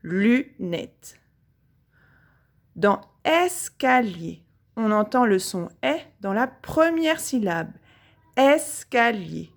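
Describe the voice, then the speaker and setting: A primary school teacher with a French accent and a fairly high voice leads a phonics lesson for young children. She stretches out every sound slowly and deliberately.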